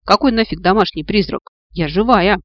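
A man's voice: sits high, normal speed, dry recording, lo-fi sound, natural voice. A man voicing a sassy young female witch with a cheeky, sarcastic way of talking, in an audiobook. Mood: indignant.

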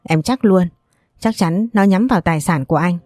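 A woman's voice: lowish voice, normal speed, a little mellow, dry recording, studio quality, lightly acted. A woman voicing a pushy, scheming middle-aged sister-in-law who wheedles and complains. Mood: wheedling.

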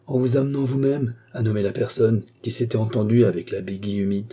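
A man's voice: on the low side, steady tone, brisk, mellow, slightly rough. A man reading an audiobook, voicing an earnest young man who speaks firmly and respectfully to his older cousin. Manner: earnest, firm.

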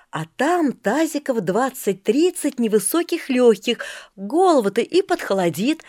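A woman narrating an audiobook in a gentle, expressive first-person storytelling manner. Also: on the high side, no echo, clean studio sound. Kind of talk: scripted narration.

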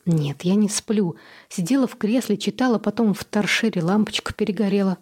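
A woman's voice: medium pitch, a little fast, a little mellow, slightly rough, natural voice. A woman voicing a tearful, self-pitying middle-aged mother who asks plaintive, fretful questions. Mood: wistful.

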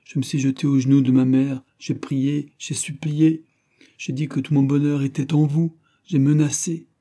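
A man's voice: mid-range voice, flat delivery, normal speed, dark tone, pitched above the performer's own voice, close to an everyday voice. A man voicing a young king, torn and sorrowful, speaking in an earnest, anguished way.

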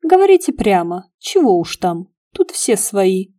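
A woman's voice: medium pitch, very animated, measured pace, warm tone, dry recording, clean studio sound. Woman reading as nosy, teasing young man.

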